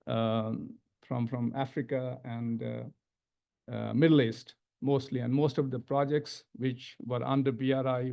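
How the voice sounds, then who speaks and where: A middle-aged academic with an Indian accent gives a semi-scripted lecture as a panel presentation in a medium-sized indoor conference room, speaking into a gooseneck table microphone. His medium-pitched voice is creaky, and the recording's highs are cut off. He halts and repeats words while stressing each new point.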